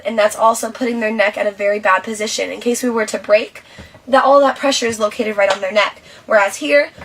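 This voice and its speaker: A woman with a fairly high voice gives an instructional training video walkthrough. She is a little far from the mic, with clear ambient noise around her. She explains and demonstrates things directly to the viewer. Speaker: presenter of a school bus safety video.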